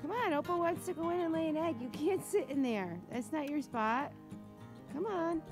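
Here a middle-aged woman sweet-talks her animals in brief, easygoing bursts, mostly outside around her garden and chicken coop. She is a vlogger who keeps backyard chickens, and her high voice moves at a normal speed over background music, captured on a handheld phone.

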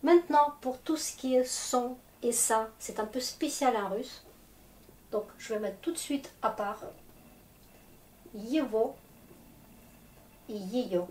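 A woman's voice: high-pitched, measured pace, a little mellow, a little hiss or hum. A woman teaching a language lesson in French, explaining patiently step by step. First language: Russian. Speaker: Russian teacher. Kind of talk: slow, clear language lesson.

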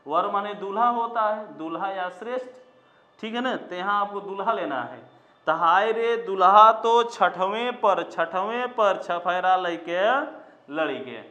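A man with a high, lively voice teaches a Sanskrit exam-prep coaching class, speaking at a measured pace in a sharp tone. He repeats mnemonic chants in a sing-song way, tells mnemonic stories, and throws rhetorical questions at his students. The roomy classroom gives the recording a dull, lo-fi sound.

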